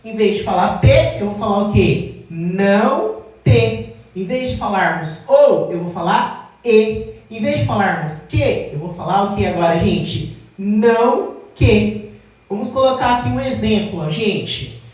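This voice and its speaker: A woman's voice: mid-range voice, animated, a little mellow. Woman teacher talking from across a really echoey room, keeps asking the class if they got it. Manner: addresses class as "gente", checks with "tá?"; slows down to stress key words. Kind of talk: whiteboard logic lesson. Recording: very echoey room, mic far off.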